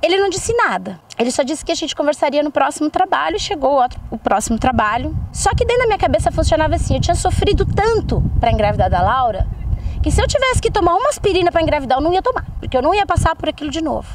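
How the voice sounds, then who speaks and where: A Brazilian Portuguese-speaking woman, an interview guest, tells a personal testimony in a lively conversational way, acting out the quoted dialogue. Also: high voice, racing, background noise. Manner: lively storyteller who acts out quoted dialogue.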